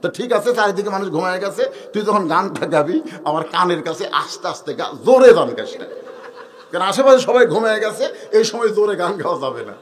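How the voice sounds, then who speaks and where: Animated high-voiced man preaching a sermon. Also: fast, slight background noise. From Bangladesh. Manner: animated storytelling, acting out characters with swings of pitch and loudness; joking, draws laughs.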